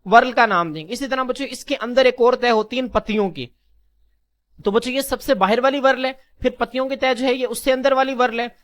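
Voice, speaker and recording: A man teaching a class lesson, calling his listeners children, posing questions and answering them himself, and slowly repeating key terms. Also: extremely high pitch, fairly bright tone. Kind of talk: classroom lecture.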